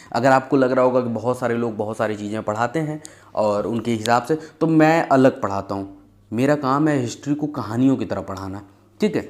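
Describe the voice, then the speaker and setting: A man's voice: medium pitch, darkish tone. A man giving a conversational exam-prep history lesson, telling it as stories and often checking in with "ठीक है". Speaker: history teacher.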